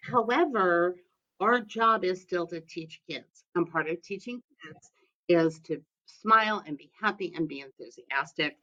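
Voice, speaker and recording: A woman's voice: fairly low pitch, unhurried, bright, forceful tone, highs cut off. A woman who is an instructional specialist, talking as a guest in a podcast interview, chatty and emphatic, telling stories.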